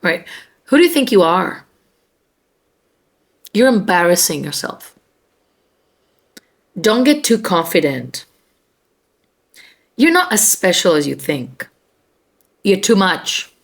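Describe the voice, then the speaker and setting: A woman's voice: on the low side, very animated, slow pace, gravelly, pauses often, exaggerated voice. A woman acting as a scornful, berating mother. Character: mean berating narcissistic mother, scornful and cold.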